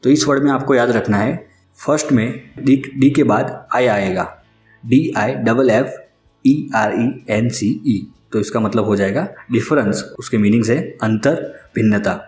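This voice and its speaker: A man giving a scripted vocabulary lesson, spelling out each word slowly and carefully, letter by letter. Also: medium pitch, darkish tone. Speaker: English vocabulary teacher. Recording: echoey room with faint music underneath.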